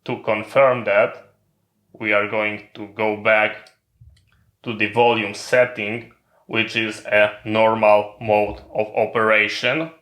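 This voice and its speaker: This tutorial presenter has a fairly low, slightly bright voice with little pitch variation, and he takes his time. Methodically, he guides viewers step by step through hands-on equipment work in non-native English. An echoey, roomy sound surrounds him.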